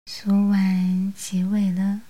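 A woman narrating a guided bedtime relaxation like a sleep story narrator, in a soothing, hushed, breathy near-whisper with long pauses. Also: mid-range voice, completely flat delivery. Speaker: host of a bedtime relaxation show.

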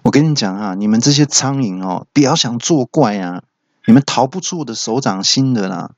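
A man's voice: mid-range voice, animated, brisk, no echo, highs cut off, close to an everyday voice. A man voicing a smug, pot-bellied male office manager who boasts and gloats. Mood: gloating.

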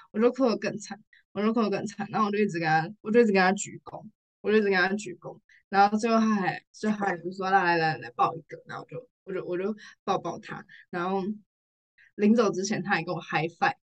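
A woman's voice: mid-range voice, quick pace. A young woman from Taiwan with a Taiwanese Mandarin accent, telling a personal story in casual chat, repeating herself and laughing through tears. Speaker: podcast guest, rehearsal studio owner.

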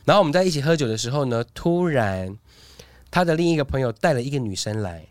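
A man hosting a casual podcast chat, lively and quick to act out little scenes. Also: no echo, clean studio sound. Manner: lively, acts out voices in a high squeal.

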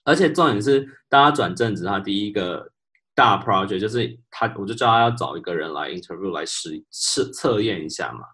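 A man co-hosting a podcast, telling work stories in a casual chat. He is animated, laughs often and drops English words into his speech. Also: fairly low pitch, a little fast. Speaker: podcast co-host.

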